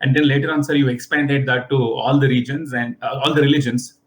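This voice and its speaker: A man's voice: medium pitch, steady tone, a little fast. A man, a student in an online class, politely recapping a lesson and calling the teacher "sir", with many "uh" fillers.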